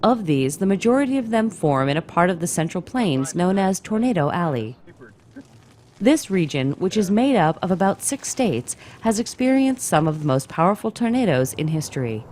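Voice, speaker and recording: Woman, documentary narrator, scripted read, lowish pitch, highly varied intonation. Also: sing-song, normal speed, a little mellow, a little hiss or hum.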